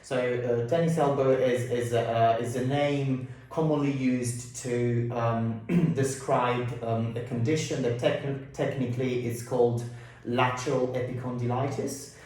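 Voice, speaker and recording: A man explaining as a clinician in a halting, informal way, slightly muffled through a face mask. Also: medium pitch, a little mellow. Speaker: consultant osteopath and physiotherapist. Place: indoor room at a clinic. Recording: very echoey room, distant mic.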